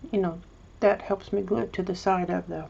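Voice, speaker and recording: Gravelly, flat-toned woman crafting vlogger. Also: on the low side, brisk, lo-fi sound, a little hiss or hum. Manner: rambling, hesitant, chatty with many restarts. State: mouth full of candy. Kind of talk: casual show-and-tell craft video.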